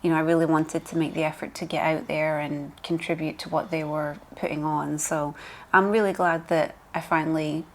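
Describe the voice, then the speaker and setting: Lower-pitched woman explaining steadily. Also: normal speed, a little hiss or hum. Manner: steady, explanatory, with frequent ums. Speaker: podcast co-host, professional piercer. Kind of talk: casual chat.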